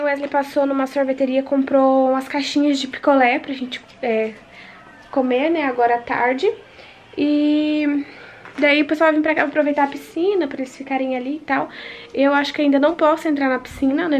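High-voiced chatty young vlogger woman. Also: slight background noise. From Brazil. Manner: chatty, tells the day step by step to viewers. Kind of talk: casual family vlog narration. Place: at home. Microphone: handheld vlog camera.

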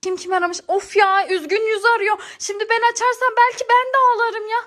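Very high-pitched, bright-voiced exasperated mother. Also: steady tone, fairly quick. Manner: exasperated, fussing, keeps repeating pleas. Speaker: mother in family skit. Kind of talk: acted family comedy skit.

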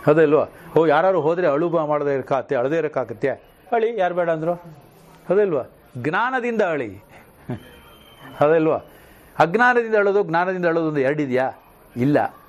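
A man's voice: fairly high pitch, normal speed, pauses often, dull audio. A man teaching scripture in a spiritual discourse, who keeps putting questions to his listeners. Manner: animated, often asks the listeners questions.

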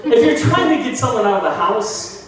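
His voice is very high-pitched and fairly quick as this American comic in his thirties works a small indoor bar with brick walls, poking fun at himself and slipping into voices for his bits. He's animated on a handheld mic. An audience member's phone records from far away, picking up the bar's echo and the crowd's laughter.

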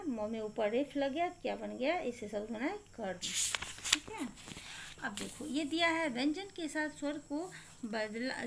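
A woman's voice: on the high side, vocal fry, fairly bright tone, a little hiss or hum. A woman teacher giving a recorded lesson to young children, explaining step by step and asking questions she answers herself. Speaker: primary school teacher.

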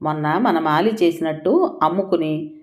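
An older village landlord speaks slowly and thoughtfully, giving calm advice in a low, deep voice, as a woman narrator reads his lines. His manner is measured and lecturing, never hurried, like a story read aloud. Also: lightly acted. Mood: reflective. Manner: unhurried, reflective lecturing.

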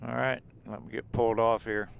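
Inside a vehicle on desert roads, a man narrates his RV-travel vlog briskly in a gravelly, mid-range voice, with a little hiss or hum audible. Relaxed and rambling, he keeps pointing out the sights.

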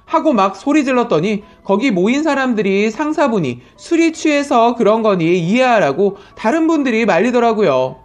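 A woman with a high voice gives a dramatic reading of a listener-sent story. Her telling is indignant and expressive. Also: normal speed, hardly any pauses. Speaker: story reader.

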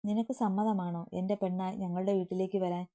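A woman reading the lines of a tender, devoted young man in a storybook romance, in a soft pleading way. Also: medium pitch, level tone, fairly quick, close to an everyday voice.

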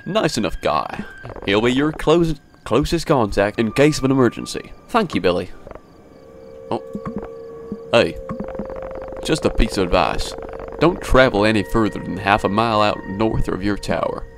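Man voicing a drawling, folksy game ranger: low, swinging pitch, blunt and wary. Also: wildly swooping pitch, gravelly, noisy background, full character voice. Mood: serious. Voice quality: slow drawling put-on accent. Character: folksy middle-aged male park ranger, blunt and wary.

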